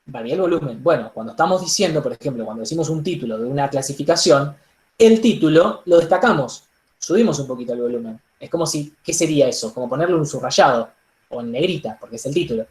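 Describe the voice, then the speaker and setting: A man with an Argentine accent teaching public speaking in an online workshop, animated, with frequent "digo" and "entonces". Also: medium pitch, fast, roomy sound. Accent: Argentine Spanish. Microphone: laptop microphone on a video call.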